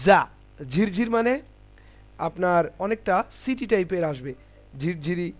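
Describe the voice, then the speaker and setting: A man teaching a Quran reading class online, slowly and carefully demonstrating Arabic letter sounds with many repetitions. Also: sits high, darkish tone. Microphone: computer mic on a video call.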